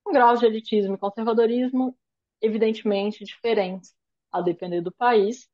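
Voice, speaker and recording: A Brazilian woman lectures online about language teaching, her voice a little high and steady at a moderate pace, with the highs cut off. She is the course lecturer, explaining thoughtfully step by step and often checking in with "né?".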